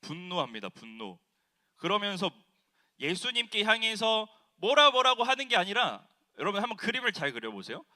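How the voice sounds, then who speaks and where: A man preaching to middle schoolers as a youth pastor, lively and acting out the quotes while asking the audience questions. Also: high-pitched, normal speed. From South Korea. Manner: animated, acts out quotes, asks the audience.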